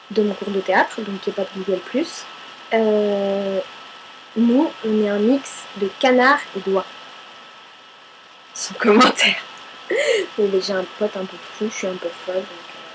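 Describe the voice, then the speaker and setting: A woman's voice: mid-range voice, background noise. A young woman, chatting casually as she answers viewer questions, giggly and scattered, playing with silly noises. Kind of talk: casual chat.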